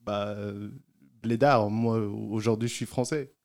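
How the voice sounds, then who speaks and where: A man from Morocco with a Moroccan accent, answering as a guest with halting, hesitant replies. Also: on the low side, steady tone, a little mellow.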